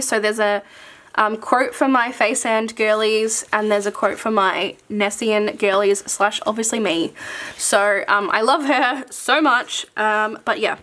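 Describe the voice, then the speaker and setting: Chatty woman with a high voice. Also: a bit bright. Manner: chatty and enthusiastic, many fillers. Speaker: planner content creator. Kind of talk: casual chat showing craft supplies.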